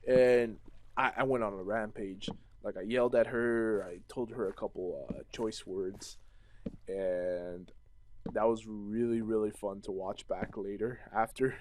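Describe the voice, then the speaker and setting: A man's voice: lowish voice, steady tone, a little slow, darkish tone, a little hiss or hum. A young man chatting casually at home while playing a game, rambling and restarting sentences as he tells stories and answers viewer questions. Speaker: gaming vlogger.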